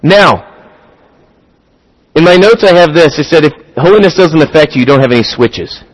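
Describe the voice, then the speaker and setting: A man's voice: on the high side, expressive, moderate pace, low-quality recording. A man preaching a sermon, talking through rhetorical questions and building to emphatic, rising points.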